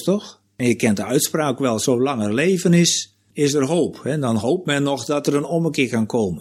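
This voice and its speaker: Male Bible study leader: lively, expressive delivery; answers the group's questions patiently. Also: medium pitch, slightly rough. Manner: explains scripture verse by verse, checks with "hè?".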